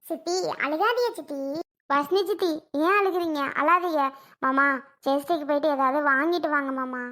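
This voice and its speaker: Brief: woman as a sweet young niece, soft and comforting. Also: high-pitched, normal speed. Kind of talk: family skit acting.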